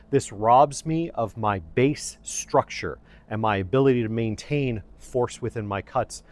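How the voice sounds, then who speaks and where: Man, fencing instructor, medium pitch, methodical, deliberate phrasing, instructional lesson delivery. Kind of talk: instructional lesson, explaining footwork.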